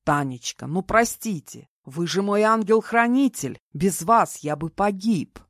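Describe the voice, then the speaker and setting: A woman reading an audiobook voices a distraught middle-aged man who talks slowly and heavily, full of self-reproach. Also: mid-range voice, expressive, no room sound, clean studio sound. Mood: pleading. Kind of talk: audiobook character voice.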